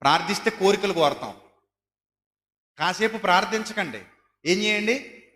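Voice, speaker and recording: Male pastor, sermon, bright tense voice, slightly high, long hall echo. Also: normal speed. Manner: animated preaching, voicing quoted prayers and inner speech.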